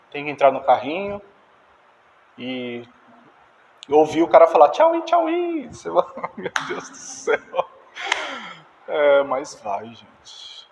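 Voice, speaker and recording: A man preaching a sermon in an animated way, acting out dialogue and directing the slides. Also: a little high, a little hiss or hum. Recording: distant reverberant church hall.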